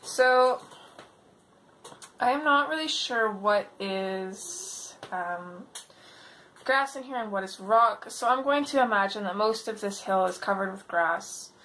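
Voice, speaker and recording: A woman hosting a casual coloring tutorial, thinking aloud in an unhurried way, her voice slightly off from a mild sore throat. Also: medium pitch, a bit bright. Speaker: host of a coloring tutorial video. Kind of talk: casual tutorial chat while working. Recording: clear background noise.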